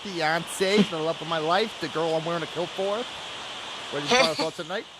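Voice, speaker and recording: A man's voice: a little high, moderate pace. A man hosting a live radio chat, rambling, crude and joking. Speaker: host. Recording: clear background noise.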